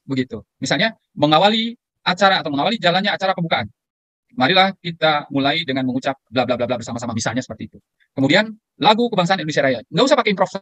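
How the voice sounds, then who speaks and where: Fast-talking man explaining, dry sound. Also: high-pitched, fairly bright tone, no room sound. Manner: explanatory, repeats key points. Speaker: protocol trainer answering questions. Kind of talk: online Q&A explanation. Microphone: video call.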